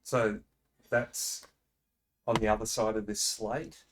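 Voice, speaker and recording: A man's voice: lowish voice, fairly even intonation, takes it slowly, background noise. A man playing in a tabletop game, talking casually and hesitantly, thinking aloud with many ums. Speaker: player.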